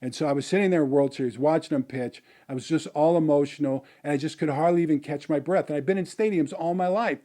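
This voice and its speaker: Mellow middle-aged man telling stories. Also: a little high, fast, hardly any pauses. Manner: rambling, with many fillers and restarts. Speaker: motivational business speaker. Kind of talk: personal storytelling monologue.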